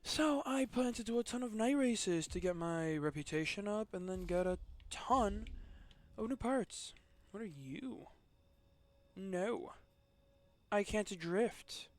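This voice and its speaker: A man's voice: sits high, expressive, slow pace, no room sound. A young man giving casual gameplay commentary, rambling and stumbling over his words. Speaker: gamer.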